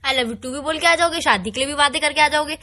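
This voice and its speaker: A woman's voice: high-pitched, quick pace, sharp tone. A woman playing an angry girlfriend on a phone call, scolding and sarcastic. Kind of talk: acted couple phone call.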